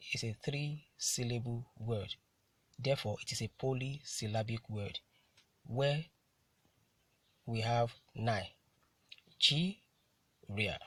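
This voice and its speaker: A male teacher gives a lecture at an unhurried, measured pace. His voice is a little husky and sounds close and dry. He repeats key words and poses questions to his class before answering them. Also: medium pitch, dry recording. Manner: deliberate, repeats key terms and asks rhetorical questions. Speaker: English teacher.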